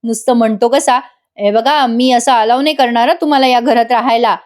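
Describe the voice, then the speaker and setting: A woman's voice: on the high side, fairly even intonation, fairly quick, darkish tone, close to an everyday voice. A woman reading the lines of a flustered, irritated young husband in a serial review. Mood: protesting. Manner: irritated, protesting.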